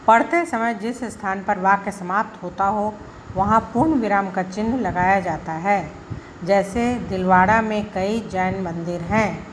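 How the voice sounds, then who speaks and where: A woman teacher giving a school grammar lesson, explaining slowly and deliberately with examples. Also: mid-range voice, a little hiss or hum.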